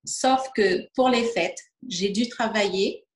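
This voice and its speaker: A woman's voice: mid-range voice, slow, roomy sound. A woman in her fifties from French Guiana, telling her story in an interview with many hesitations. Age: 50s. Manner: hesitant, many fillers, acts out quoted dialogue. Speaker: interviewee, distributor. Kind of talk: testimonial interview.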